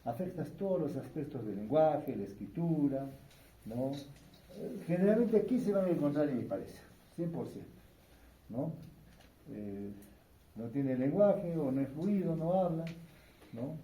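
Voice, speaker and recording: A man's voice: fairly high pitch, animated, unhurried, long pauses, dark tone, distant mic. Man lecturing in an echoey room. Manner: conversational, frequent tag questions. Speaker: neurology lecturer. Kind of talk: medical lecture. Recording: echoey room, speaker away from mic, faint ambience.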